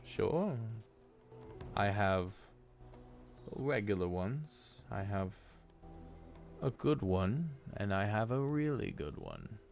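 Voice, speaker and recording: A man voicing a creepy, overly polite male shopkeeper with a taste for flesh, speaking slowly and curiously. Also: lowish voice, big pitch swings, vocal fry, a little mellow, faint music behind, exaggerated voice. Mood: sly salesman. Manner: slow, curious, oddly polite. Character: creepy soft-spoken male shopkeeper who eats people.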